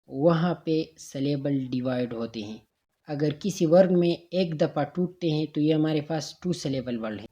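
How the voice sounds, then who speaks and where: A man's voice: on the high side, dark tone. A man teaching a recorded grammar lecture, explaining patiently step by step and sounding out examples syllable by syllable.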